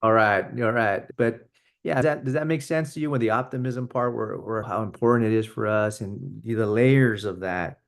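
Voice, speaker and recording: A man's voice: on the low side, moderate pace, gravelly. A man co-hosting a casual talk show, telling a story earnestly with frequent restarts. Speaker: podcast co-host. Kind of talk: casual conversation.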